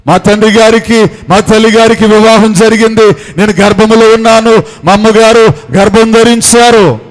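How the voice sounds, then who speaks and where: A man in his thirties, a pastor preaching a sermon with fervent delivery, often dropping low and soft for emphasis. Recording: reverberant hall.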